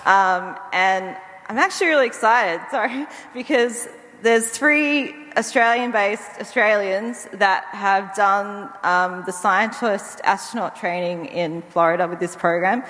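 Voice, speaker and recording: A woman's voice: mid-range voice, unhurried, a bit bright. A woman speaking on a conference panel, eager and chatty, laughing often between thoughts. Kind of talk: panel discussion. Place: conference hall. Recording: hall with long reverb.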